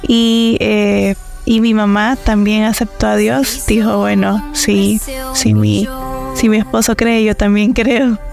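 A woman's voice: medium pitch, flat delivery, slow, gravelly, a little mellow, faint music behind. A young Salvadoran woman with a Salvadoran accent, speaking as a guest and telling her story with many hesitations and fillers. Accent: Salvadoran Spanish. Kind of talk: interview testimony.

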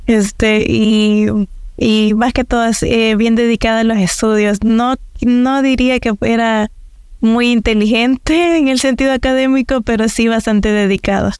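A woman's voice: fairly high pitch, fairly even intonation, a little slow, a little mellow, smooth, no echo, clean studio sound. A young Salvadoran woman with a Salvadoran accent, speaking as a guest and telling her story with many hesitations and fillers. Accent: Salvadoran Spanish. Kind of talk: interview testimony.

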